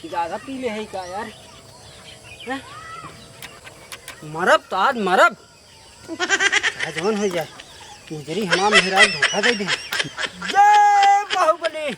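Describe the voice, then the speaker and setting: A man's voice: high voice, big pitch swings, slow pace, long pauses, very noisy, exaggerated voice. A male actor playing a belligerent drunk, self-pitying village husband with an Awadhi accent in a broad rural comedy. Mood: self-pitying, defiant. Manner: belligerent drunk, rambling and repetitive. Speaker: comic actor in a village skit.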